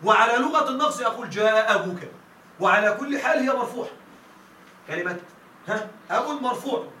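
A man with a high, bright and forceful voice teaches a grammar class. He keeps asking his students if they follow him and stretches out the lines he quotes. He sounds set back from the mic in an echoey room with a faint hiss. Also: expressive, far from the mic. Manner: repeatedly checks students follow, quotes verses with stretched slow emphasis. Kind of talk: classroom lesson.

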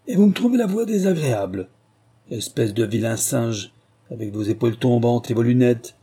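A man reading the part of an arrogant, brutal man posing as a prince, loud and threatening. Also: medium pitch, little pitch movement, normal speed, natural voice.

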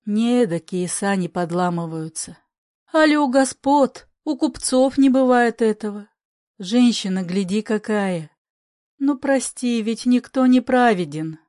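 Gentle old granny done by a woman reader, soft and earnest, fairly high voice, dry close recording. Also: big pitch swings, a little slow, no room sound. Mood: pleading. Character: kind, pleading old grandmother.

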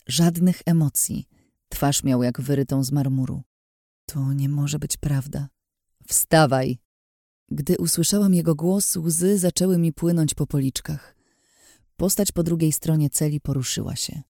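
Male audiobook narrator with a slightly high, mellow voice; tense, dramatic first-person reading. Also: no room sound, studio quality.

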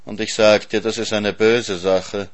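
A man's voice: on the low side, level tone, a little slow, close to an everyday voice. A man reading a storybook voices a greedy, insatiable hyena that whines and pleads. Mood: moaning.

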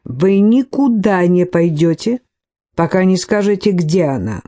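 Stubborn threatening man, voiced by a woman; slow, level storybook delivery. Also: fairly low pitch, expressive, dark tone, no room sound, studio quality. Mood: menacing.

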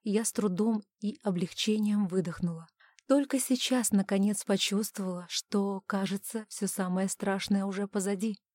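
Soft-spoken woman narrating an audiobook. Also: mid-range voice, fairly even intonation, normal speed, no room sound. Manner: soft, often sinking to a whisper. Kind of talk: first-person scripted narration.

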